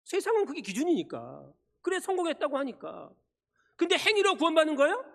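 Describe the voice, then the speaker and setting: Lively pastor preaching in echoing church. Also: male voice, extremely high pitch, a little fast, creaky. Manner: rhetorical questions to the congregation, emphatic swings in loudness. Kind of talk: sermon. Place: church sanctuary. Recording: long church reverb.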